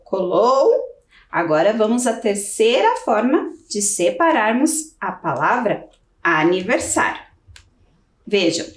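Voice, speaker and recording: A Brazilian woman teaching a children's video lesson, giving patient step-by-step instructions. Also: fairly high pitch. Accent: Brazilian Portuguese. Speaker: primary school teacher. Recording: roomy, from off the mic.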